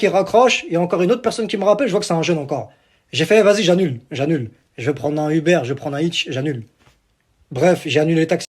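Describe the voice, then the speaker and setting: Recorded on a phone for a casual vlog, a young man from Algeria boasts and rambles, repeating himself and swearing oaths on the Quran. He is a social media personality whose voice is on the high side and a little mellow.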